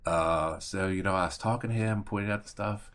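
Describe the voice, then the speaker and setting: A deep-voiced man in his fifties from Maryland tells a story straight to the camera. His talk is loose and conversational, with mild cursing and bits of remembered dialogue acted out along the way. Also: fairly quick, a bit bright. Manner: conversational, mildly profane, acts out remembered dialogue. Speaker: real estate agent and attorney. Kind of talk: casual personal storytelling to camera.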